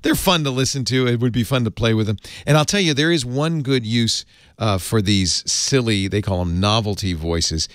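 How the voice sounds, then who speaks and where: A man's voice: medium pitch, moderate pace, dry recording, studio quality. A man hosting a casual tech tutorial, chatty and easygoing, chuckling as he explains. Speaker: host.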